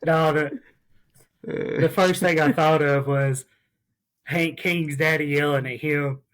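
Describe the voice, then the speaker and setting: A man speaks in a casual podcast interview as an assistant coach. His tone stays earnest and level with little rise and fall in pitch. He halts often with fillers. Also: steady tone, a bit bright. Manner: earnest, halting with many fillers.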